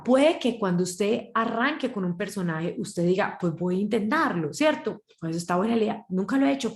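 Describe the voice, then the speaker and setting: Lively woman in an echoey room. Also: mid-range voice. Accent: Colombian Spanish. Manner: lively, acts out quoted voices. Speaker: parenting workshop speaker. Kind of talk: talk to parents.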